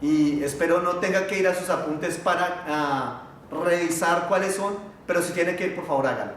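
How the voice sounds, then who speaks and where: Guy teaching a class, highish voice, sounds far from the mic in a big echoey room, faint room hum. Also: moderate pace, a bit bright. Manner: patient, asks the class questions, many filler "ah". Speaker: Biblical Hebrew teacher. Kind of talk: classroom lesson.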